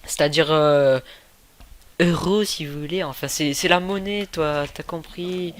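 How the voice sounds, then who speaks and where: A man giving casual gameplay commentary, excitable, yelling and swearing at the game between joking asides. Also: fairly high pitch, measured pace, slight background noise. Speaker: gaming YouTuber.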